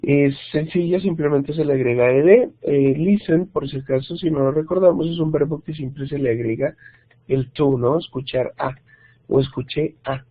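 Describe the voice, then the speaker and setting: A man's voice: a little high, normal speed, dry recording. A man teaching an online English grammar lesson, explaining patiently in Spanish with English examples and often checking in with his students. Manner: patient, checks in with "¿cierto?" and "¿listo?". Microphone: computer mic on video call. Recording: tinny, dry video call audio.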